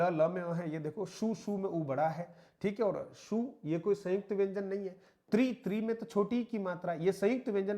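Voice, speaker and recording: This Hindi teacher from India has a high, slightly mellow voice. He leads an online exam-prep lesson, addressing listeners as friends, patiently explaining each step with slides, and counting syllables aloud.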